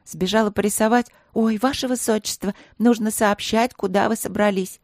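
A woman voicing a cheeky, chatty young princess in an audiobook, teasing and quick to chatter. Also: medium pitch, steady tone, a little mellow, dry recording, studio quality, pitched above the performer's own voice, natural voice. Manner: bubbly, teasing, rapid chatter. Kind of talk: audiobook character voice.

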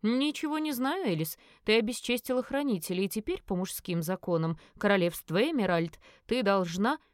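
A cocky young man teases in a smug, unhurried way, read by a woman in her own voice. The pitch stays in the middle range and the sound is dry and close. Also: animated, clear, resonant tone, no room sound, lightly acted. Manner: smug, teasing. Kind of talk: audiobook character voicing.

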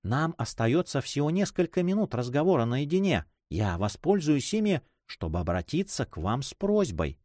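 A man voicing a shy young woman in love, speaking softly and tenderly. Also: medium pitch, big pitch swings, moderate pace, few pauses, dry recording, studio quality, lightly acted. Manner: soft, hushed, tender.

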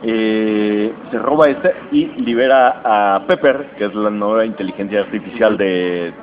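Animated Mexican man retelling a comic. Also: on the low side. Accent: Mexican Spanish. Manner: animated, slangy, acts out lines in quick voices. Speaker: comics podcast host. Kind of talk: casual chat retelling a comic plot. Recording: dull lo-fi recording with steady noise.

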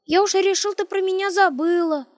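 A woman's voice: very high voice, steady tone, fairly quick, no room sound, studio quality, pitched above the performer's own voice. A woman voicing a small serious boy who speaks bluntly and sullenly, in an audiobook reading. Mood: cheerful.

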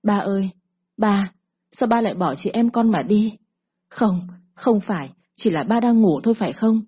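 A woman's voice: mid-range voice, expressive, moderate pace, husky, lo-fi sound. A woman voicing a tearful young daughter. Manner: tearful, pleading. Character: young woman of twenty-one, a grieving daughter.

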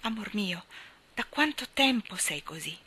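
A woman reading aloud and voicing a calm, gentle male journalist who speaks softly, slowly and steadily. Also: medium pitch. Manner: soft, slow and steady. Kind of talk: dramatic audiobook reading.

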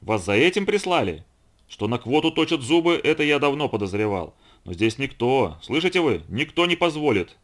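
A man voicing an enraged male official in an audiobook reading, shouting accusations. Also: mid-range voice, very animated, moderate pace, pitched above the performer's own voice, natural voice.

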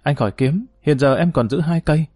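A male reader voicing a spirited, affectionate young woman who talks in a lively, teasing way, recorded dry. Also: a little high, a little fast, no room sound, close to an everyday voice. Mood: earnest.

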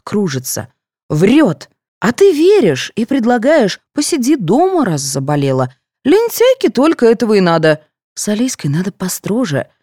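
A woman's voice: medium pitch, mellow, no echo, studio quality. A woman voicing a blunt, preachy young boy who lectures the grown-ups in an audiobook. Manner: lecturing, sneering.

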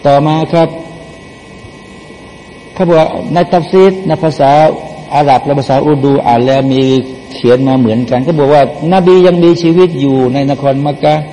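In a long hall reverb with faint background noise, a man with a fairly high, warm voice teaches the Quran at a normal speed. His commentary sounds like a sermon: he questions his listeners, supplies the answers himself, and chants Arabic verses between plain explanations.

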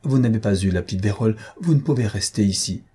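A man's voice: fairly low pitch, lively intonation, fast talker, dark tone, husky. A man reading the part of an agitated husband and father who speaks urgently and insistently. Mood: urgent, pleading.

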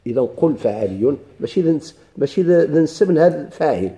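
A man's voice: on the high side, lively intonation, quick pace, mellow. A man with a Moroccan accent teaching a grammar lesson, explaining step by step and quizzing his students with questions.

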